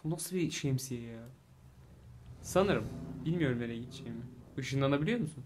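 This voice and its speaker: A man giving casual let's play commentary, chatty, talking to the game and breaking into excited exclamations. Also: medium pitch, a little fast, a little hiss or hum. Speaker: gaming YouTuber. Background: soft game music.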